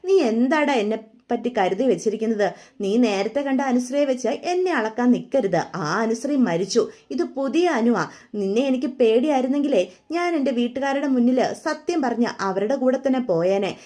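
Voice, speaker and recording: A woman's voice: on the high side, animated, fairly quick, dark tone, natural voice. A woman voicing a scheming young wife. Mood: defiant. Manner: taunting, then wailing in mock distress. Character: young wife, defiant, scheming, fakes tears.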